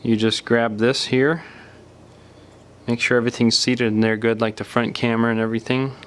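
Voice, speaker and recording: This clean recording features a man with a mid-range, fairly bright voice and little pitch movement, speaking at normal speed. As a repair tutorial presenter, he narrates the hands-on steps casually and without a script, now and then breaking off mid-phrase.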